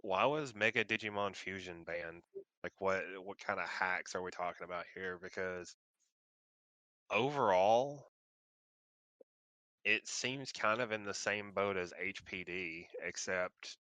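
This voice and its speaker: Male podcast co-host, low and bright, analytical, dry close mic. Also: moderate pace, no echo, low-quality recording. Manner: analytical, explains card rules. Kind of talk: casual card game chat.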